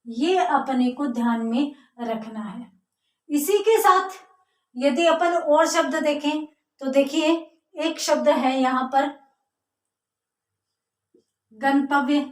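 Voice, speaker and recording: Slow high-voiced woman teaching grammar. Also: recorded from a distance. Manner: explains step by step, asking and answering her own questions. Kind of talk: online grammar lesson. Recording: echoey room, voice from off mic.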